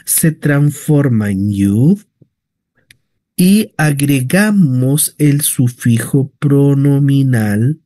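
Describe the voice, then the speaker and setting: A man teaching Hebrew grammar, slowly repeating each word form several times. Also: mid-range voice, dark tone, no room sound. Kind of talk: grammar lesson.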